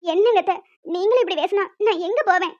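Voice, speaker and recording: A woman voicing a gentle young wife in a cartoon, pleading and sorrowful as she pours out her hurt. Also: very high voice, fast, highs cut off.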